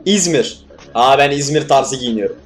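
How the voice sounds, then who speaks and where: A young man from Turkey hosting a reaction video, joking, swearing and tossing quick asides. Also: mid-range voice. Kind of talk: casual reaction commentary.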